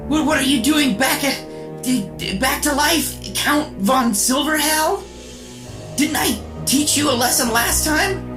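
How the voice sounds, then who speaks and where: A woman's voice: high voice, expressive, takes it slowly. A woman playing a plucky, sarcastic robot boy hero in a comedic radio serial, chatty and wry. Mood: rattled, defiant. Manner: wry, chatty, stammering when rattled. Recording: roomy echo, music underneath.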